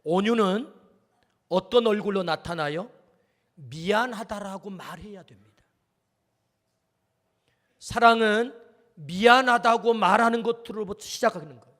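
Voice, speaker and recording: A man's voice: high voice, unhurried, long pauses, a bit bright. Give me a man preaching an earnest sermon in a church sanctuary, with a long hall reverb. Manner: earnest storytelling preacher, acts out quotes. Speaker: pastor.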